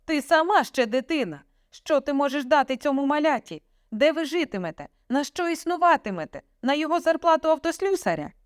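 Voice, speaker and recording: A woman's voice: high voice, lively intonation, a little fast, hardly any pauses, dry recording, voice pushed up. Brief: woman doing an angry, sarcastic storybook father, raised and strained, dry close sound. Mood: scornful. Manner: shouting, sarcastic, commanding. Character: stern domineering middle-aged father, furious.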